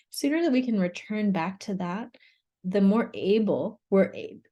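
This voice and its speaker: A young adult woman coach gives a candid webinar talk, laughing often, opening up about her feelings, and growing tearful at times. Her mid-range voice is mellow and expressive, with a measured pace.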